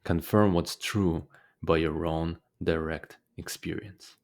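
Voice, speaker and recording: A very deep-voiced man, a guided meditation teacher, narrates a meditation. He speaks calmly and deliberately, pausing often.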